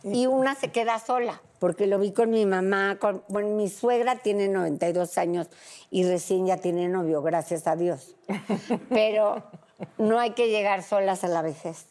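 Señora mexicana mediana edad, habla directo y cuenta anécdotas actuando las voces. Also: female voice, mid-range voice, normal speed. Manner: brash, animated, acts out dialogue. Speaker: panel guest. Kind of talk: casual panel chat, storytelling.

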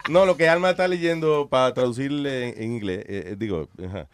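A man's voice: medium pitch, a little fast, clear, resonant tone. A man hosting a radio talk show, joking and switching between Spanish and English. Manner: mixes Spanish and English, jokey. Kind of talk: casual radio banter.

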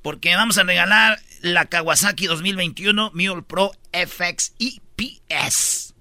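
A man's voice: high-pitched, unhurried, pushed and bright, no echo. A Mexican man co-hosting a radio show with playful, slangy, casual banter.

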